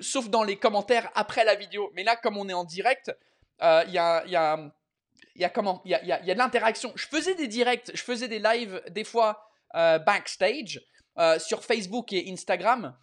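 Man live-streaming in halting, mixed French. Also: sits high, fairly bright tone. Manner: switches between French and English mid-speech; halting, word-searching French with repeated words. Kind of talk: casual live chat reading out viewer messages.

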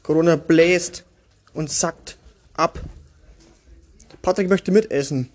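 A father hosts a casual home podcast from a child's bedroom, speaking slowly in a voice on the high side. Recorded on a single microphone at home, he grumbles to his listeners in a crude, sarcastic way.

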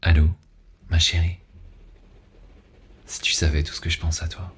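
A man playing a seductive, ardent lover in an ASMR role-play, murmuring slowly and breathily, right in the listener's ear. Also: very deep voice, level tone, full character voice. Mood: tender, longing. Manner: slow, intimate, breathy murmur close to the ear. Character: seductive male lover on a night train, intimate and ardent. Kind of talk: ASMR role-play, erotic audio narration.

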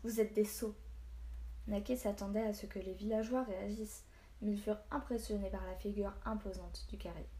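Calm woman reading a novel aloud. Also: medium pitch, fairly quick. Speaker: story reader.

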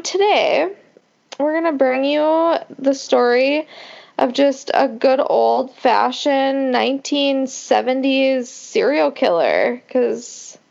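A woman's voice: sits high, vocal fry, muffled recording. A woman co-hosting a podcast in casual, upbeat chat. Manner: chatty and upbeat. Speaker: podcast co-host.

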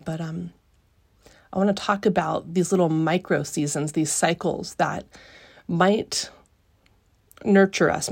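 A woman hosting a reflective solo podcast, musing with frequent pauses mid-phrase, recorded live in a small rock cave. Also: lowish voice, creaky, a little mellow. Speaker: podcast host.

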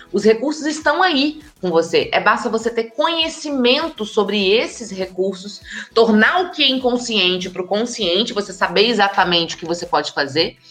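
Woman, communication trainer, emphatic lecture, mid pitch, faint background music. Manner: lively, emphatic, speaks straight to the audience. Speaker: communication and body language trainer. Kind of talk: expressive presentation lecture. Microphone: camera with slides, hands in frame.

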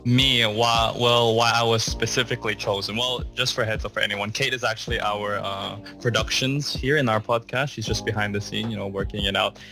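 Bright-voiced young man co-hosting a podcast. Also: on the low side, fairly even intonation, a little fast, gravelly, few pauses, faint music behind. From Hong Kong. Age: young adult. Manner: chatty, laughs often, mixes in Filipino words. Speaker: podcast co-host. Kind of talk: casual podcast chat.

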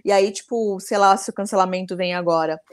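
Brazilian woman, average pitch, chatting casually in a group, pretty assertive and informal. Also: fairly even intonation, fairly quick, a little hiss or hum. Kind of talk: casual group discussion of a TV series.

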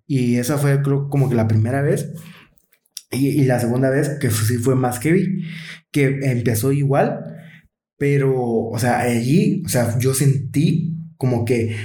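A man's voice: medium pitch, measured pace, dark tone. Hesitant man in an echoey room. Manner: hesitant, searches for words, many fillers like "o sea" and "como que". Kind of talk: casual chat, telling a personal story.

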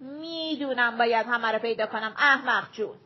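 A woman voicing an indignant young boy who complains and shouts in a raised, childish voice. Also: fairly high pitch, lo-fi sound, lightly acted. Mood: scornful. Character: whiny indignant young boy playing tag.

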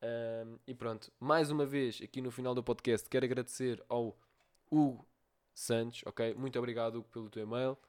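A man's voice: medium pitch, fairly even intonation, normal speed, darkish tone. Portuguese man hosting a solo podcast. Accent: European Portuguese. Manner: repetitive, checks in with listeners often. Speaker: podcast host. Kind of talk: solo podcast advice talk.

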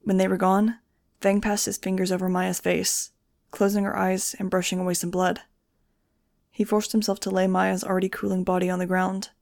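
A woman narrating a fan-fiction audiobook in a steady, even reading voice. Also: mid-range voice, normal speed, vocal fry, dry recording, clean studio sound. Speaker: audiobook reader.

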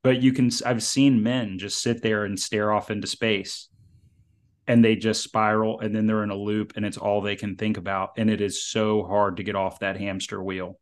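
Lowish-voiced blunt male podcast co-host. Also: little pitch movement, moderate pace. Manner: blunt, plain-spoken, casual swearing. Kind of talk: casual podcast chat.

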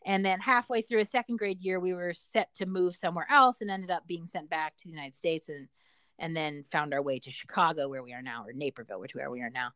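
A woman's voice: deep voice, a little fast, a bit bright, dry recording. Middle-aged woman as a parent being interviewed; talkative, explanatory, conversational storytelling, recorded very dry. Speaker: parent interviewed about their child.

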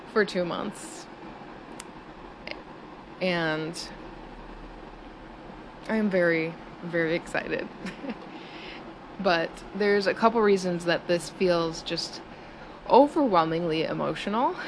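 A woman in her thirties hosting a casual solo podcast, chatty and giggling nervously, recorded in low-quality audio in a small studio on a busy street. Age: 30s. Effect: low-quality audio with street noise. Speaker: podcast host. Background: traffic and air-conditioner hum.

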